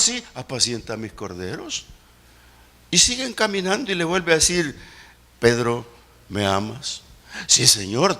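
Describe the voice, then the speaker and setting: A man preaching a sermon as pastor in a church, swinging between loud outbursts and low murmurs. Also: gravelly.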